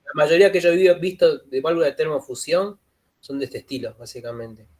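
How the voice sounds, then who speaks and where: A man's voice: a little high, a little fast, a little mellow. A man taking part in a class, hesitant and restarting his sentences, speaking from a distance from the mic. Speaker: student. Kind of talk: classroom question.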